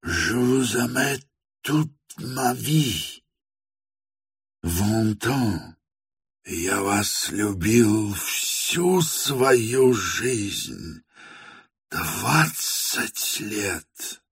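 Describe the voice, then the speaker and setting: A man doing a frail, gasping old gentleman. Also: fairly low pitch, extremely slow, slightly rough, no echo, voice pushed up, heavily acted. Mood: faltering. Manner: faltering, breathless, sentimental. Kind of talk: audiobook character voice.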